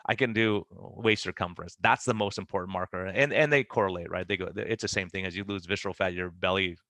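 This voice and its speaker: Fast-talking, bright-voiced middle-aged man. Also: low-pitched, dry recording, clean studio sound. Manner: energetic storyteller who acts out patients' lines. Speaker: physician guest. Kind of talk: podcast conversation.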